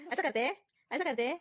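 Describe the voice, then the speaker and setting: A woman vlogger at home, talking to her toddler in coaxing, repetitive baby talk. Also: fairly high pitch. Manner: sing-song, coaxing, repetitive. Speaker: vlogger and mother.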